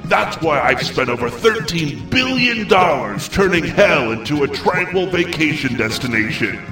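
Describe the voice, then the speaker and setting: A man playing Satan as an exasperated huckster devil, pitching in a comedic spoof, in the echo of an elevator shaft. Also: animated, moderate pace, bright, forceful tone. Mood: smarmy selling. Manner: salesman patter, stammering, bursting into irritated rants. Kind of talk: comedic spoof radio commercial. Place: echoing enclosed space, presented as an elevator. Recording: roomy echo, distant mic, music behind.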